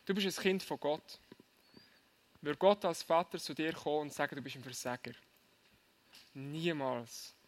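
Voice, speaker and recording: A man preaching to young people, telling a lively story and asking his listeners direct questions. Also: fairly high pitch, a little slow.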